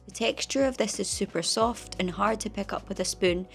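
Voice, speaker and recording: A woman's voice: mid-range voice, normal speed, gravelly. A young Scottish woman narrating her travel vlog in an upbeat, chatty way. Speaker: travel vlogger.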